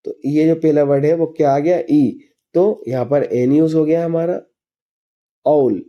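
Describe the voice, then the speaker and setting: A man is teaching English grammar at a patient, steady pace. He keeps asking a question and answering it himself. His voice sits a little high and sounds very dark and mellow. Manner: slow, patient explanations. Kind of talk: classroom lesson explaining grammar.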